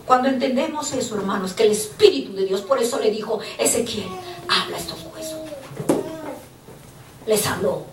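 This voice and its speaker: In a church hall, a woman preacher delivers an impassioned sermon, often addressing her listeners as brothers. Her slightly high, expressive voice moves at a moderate pace with long pauses, captured from far off in an echoey space with a noisy background and faint ambience.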